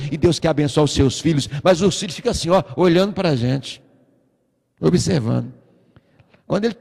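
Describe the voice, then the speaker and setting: Brazilian pastor guy preaching, kinda high voice, long echo in the church hall. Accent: Brazilian Portuguese. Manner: lively storyteller, acts out voices. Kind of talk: sermon with storytelling.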